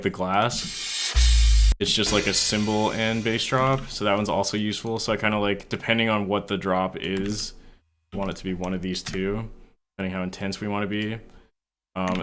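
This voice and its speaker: A laid-back young man talks through his recording session on a live stream in a loose, casual way. His voice sits a little low, and he swears freely as he answers chat. A faint hiss runs under his speech. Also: fairly bright tone.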